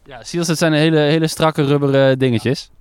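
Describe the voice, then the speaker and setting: A man's voice: a little high, steady tone, normal speed, clean tone. A man reporting from a lakeside jetty in the rain, chatty and curious, often stumbling over his words. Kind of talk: outdoor field report.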